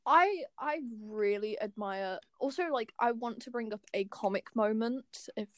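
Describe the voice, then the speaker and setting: A woman's voice: fairly high pitch, measured pace, dry recording. A young woman co-hosting a casual fan podcast, talking in an enthusiastic, rambling way full of fillers and restarts. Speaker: podcast co-host.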